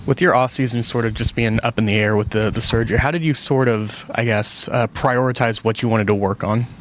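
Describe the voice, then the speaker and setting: A man's voice: medium pitch, fairly even intonation, a little fast, a little hiss or hum. A man asking conversational questions as a sports reporter, phrasing them tentatively.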